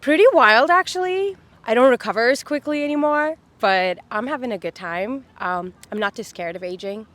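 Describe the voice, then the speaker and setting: A woman in her thirties from Dubai chats upbeat as a guest in a street interview outdoors on a city street, using lots of fillers. Her voice is on the high side, animated and a bit bright, at normal speed with hardly any pauses.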